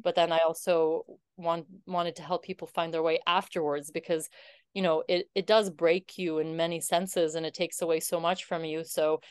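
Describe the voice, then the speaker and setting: Lower-voiced woman, smooth and earnest. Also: flat delivery, normal speed, darkish tone, no echo. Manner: earnest, heartfelt storytelling with many fillers. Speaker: podcast guest. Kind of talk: casual interview talk.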